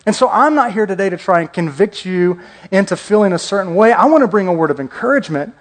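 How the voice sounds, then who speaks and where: A man's voice: high-pitched, expressive, quick pace. A male pastor preaching a conversational sermon, joking and asking the congregation questions.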